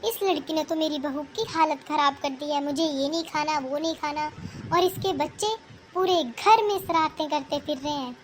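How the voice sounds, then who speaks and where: Woman voicing an older cartoon mother-in-law, lectures hard, very high-pitched. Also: normal speed, a little hiss or hum, close to an everyday voice. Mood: scolding. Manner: scolding, lecturing. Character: older scolding mother-in-law, sharp-tongued but fair. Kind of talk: cartoon voice acting.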